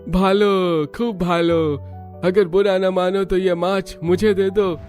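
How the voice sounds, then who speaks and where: A man acts out a polite young Bengali student in a cartoon, eager and homesick. His voice sits high, with Bengali-accented Hindi, over background music. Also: fairly even intonation, slow, darkish tone. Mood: eager, admiring. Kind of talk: cartoon story acting. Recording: music under the voice.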